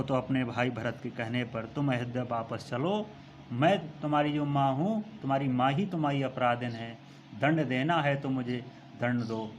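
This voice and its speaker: A male teacher who recites lines of a poem slowly and then explains them, repeating phrases as he goes. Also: mid-range voice, slight background noise.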